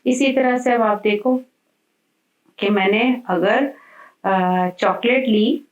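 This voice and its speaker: A woman teacher giving a school science lesson, explaining slowly and mixing English terms into her talk. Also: mid-range voice, echoey room, recorded from a distance, muffled recording.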